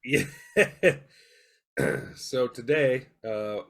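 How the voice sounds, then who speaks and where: A man's voice: medium pitch, drawn-out words, fairly bright tone. A man with a cold, hosting a casual podcast chat in a laid-back, rambling way. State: congested with a cold. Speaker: podcast host.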